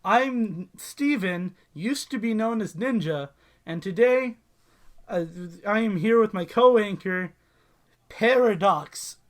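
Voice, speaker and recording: A man's voice: sits high, lively intonation, slow. A young man co-hosting a casual podcast, playfully mimicking a news anchor with jokey banter. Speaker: podcast co-host. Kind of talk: casual mock news chat.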